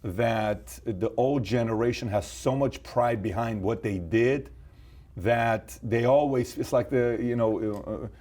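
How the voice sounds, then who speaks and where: A man from Iran hosting an interview, asking probing, animated questions. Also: mid-range voice, a little slow. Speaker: host, interviewer.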